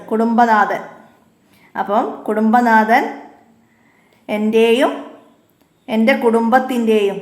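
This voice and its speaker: A woman teaching an exam revision lesson, asking each question and repeating every answer slowly, her voice dropping low on short reminders. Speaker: madrasa teacher. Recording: echoey room.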